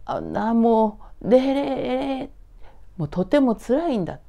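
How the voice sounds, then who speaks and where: A woman's voice: fairly high pitch, lively intonation, unhurried, vocal fry, mellow, voice pushed up. A woman storyteller voicing a despairing, exhausted young soldier who breaks down in tears. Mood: tearful. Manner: tearful, pleading.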